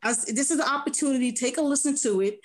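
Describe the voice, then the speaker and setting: A woman music producer talking casually in an interview, her voice slightly hoarse, earnest and full of restarts. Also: high voice, fast talker. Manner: rambling, self-correcting, earnest.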